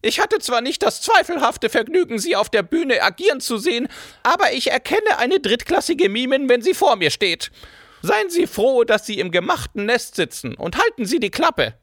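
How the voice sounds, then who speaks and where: A man voicing a haughty, sharp-tongued old baroness who snaps and scoffs loudly in an audiobook. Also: extremely high pitch, very animated, moderate pace, no room sound, studio quality, pitched above the performer's own voice, heavily acted. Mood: scornful. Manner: snapping, scornful, loud. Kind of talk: audiobook character voice.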